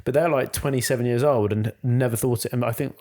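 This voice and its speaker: Rambling podcast host. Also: male voice, medium pitch, steady tone, a little mellow. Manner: rambling, halting, many fillers and restarts. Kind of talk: casual podcast chat.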